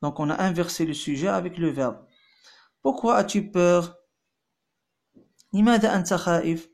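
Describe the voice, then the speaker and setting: A man teaches French grammar, his voice sitting somewhat high for a man. He reads example sentences slowly, repeats them, then switches to quick Arabic to translate and explain. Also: vocal fry. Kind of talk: bilingual grammar lesson.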